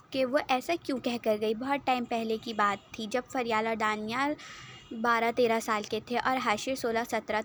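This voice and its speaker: A woman's voice: a little high, fairly bright tone, slight background noise. Chatty woman reading her own story. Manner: chatty, explaining to listeners.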